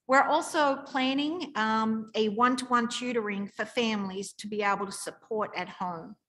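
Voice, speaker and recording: A woman presenting at a professional meeting, introducing video clips with measured speech and filler pauses. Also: a little high, fairly bright tone, rough recording. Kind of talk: conference presentation.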